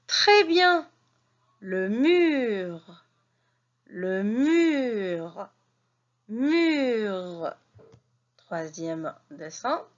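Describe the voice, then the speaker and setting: A woman teacher leads young children through a reading lesson. She speaks very slowly and lifts her voice in lively swoops of pitch as she praises them and has them repeat after her. The recording sounds a little dull and lo-fi. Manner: slow, clearly articulated, encouraging.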